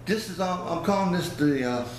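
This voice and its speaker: He has a high, animated voice and a moderate pace, a fifties vlogger casually reviewing a product. Folksy and rambling, he loses his words at times while talking to a webcam up close in a small room by a plain wall. Strong echo and faint hiss color the recording.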